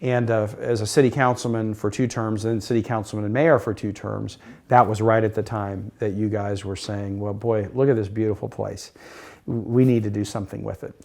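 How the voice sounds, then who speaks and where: A man who was a city councilman and mayor, talking briskly and chattily with many fillers in an interview. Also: lowish voice, fairly even intonation, creaky, darkish tone. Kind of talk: documentary interview.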